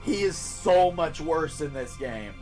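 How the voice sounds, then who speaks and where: A man's voice: a little high, expressive, slow, darkish tone, faint music behind. A man giving casual live let's play commentary as a game streamer, chatting as he goes.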